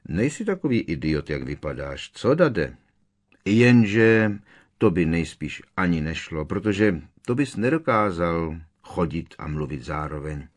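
A man voicing a sharp-tongued, defiant teenage boy who needles with sarcasm. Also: low-pitched, sing-song. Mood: mocking.

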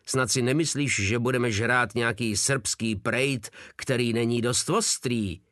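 A man's voice: medium pitch, fairly bright tone, no room sound, clean studio sound, close to an everyday voice. A man voicing a brash, crude, rowdy soldier who mocks and swaggers, with coarse speech. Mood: mocking.

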